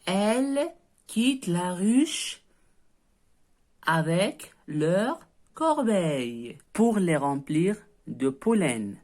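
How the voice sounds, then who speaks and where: A woman teacher talks very slowly, with a lowish voice. She leads a children's reading lesson patiently, spelling out letters and praising often, and her pitch rises and falls a lot. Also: very animated, darkish tone. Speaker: primary school teacher.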